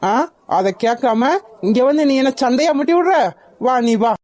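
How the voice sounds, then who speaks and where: A woman's voice: high-pitched, animated, normal speed, a little mellow, no room sound. A woman voicing a pushy, threatening young rowdy man in a cartoon. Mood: menacing. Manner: menacing, bullying.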